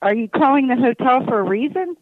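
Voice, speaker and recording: A woman's voice: sits high, animated, fairly quick, no room sound. Curt woman on a choppy phone line. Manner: curt, demanding, talks past the other person. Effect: choppy phone line that keeps cutting out. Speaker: hotel manager calling an employee. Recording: tinny, dry phone line.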